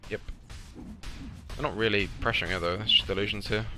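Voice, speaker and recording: A man's voice: fairly low pitch, steady tone, bright, forceful tone, soft background music. A man co-casting a live esports match, blunt and swearing casually. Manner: blunt, fast, sweary co-commentator. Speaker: esports caster. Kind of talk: live game commentary.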